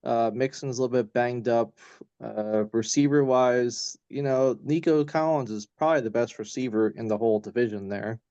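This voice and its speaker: A man speaks in a mid-range voice over dull, slightly muffled audio with no room sound. He talks haltingly, full of "uh" and "you know", circling back before finishing each thought. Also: medium pitch, fairly even intonation, mellow, clear, resonant tone, no room sound. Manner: halting, many fillers and restarts. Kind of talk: casual podcast chat.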